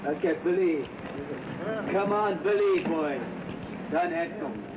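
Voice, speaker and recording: A man's voice: on the high side, a little slow, natural voice. A man playing a mocking, confrontational street thug in an amateur dramatized reenactment. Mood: goading. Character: taunting male street thug with his sidekick. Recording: muffled, very noisy outdoor location sound.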